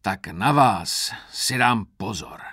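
A man's voice: lowish voice, lively intonation, sharp tone, no echo, clean studio sound. A man voicing a short, stocky drill sergeant who bullies recruits with barked orders. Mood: threatening. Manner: bellowing commands, sneering. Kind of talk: audiobook character voice.

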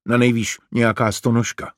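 A man's voice: mid-range voice, flat delivery, no echo, studio quality, voice pushed up, lightly acted. A man voicing Tom, a wistful, easily dismayed boy in a read-aloud children's story. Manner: sighing, dismayed.

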